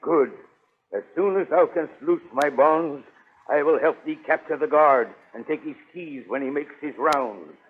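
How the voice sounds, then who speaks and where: An actor playing a huge, loyal, bearded lion-man prince with a husky voice and archaic, stately diction, in 1930s radio serial style. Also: fairly high pitch, a little slow. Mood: earnest, watchful. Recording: tinny 1930s radio broadcast recording.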